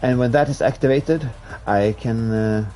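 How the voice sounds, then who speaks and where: Playing a racing game on a live stream, a young Swedish-accented man from Sweden chats loosely with his audience, rambling and restarting in a relaxed way. His voice is medium in pitch and a little slow, and faint music can be heard behind him.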